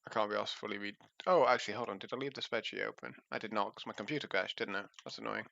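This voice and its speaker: A man's voice: on the low side, racing, vocal fry, sharp tone, no echo, lo-fi sound. A man casting an esports match live, with casual, self-mocking patter, heard through a livestream headset microphone. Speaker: esports caster. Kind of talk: live game commentary.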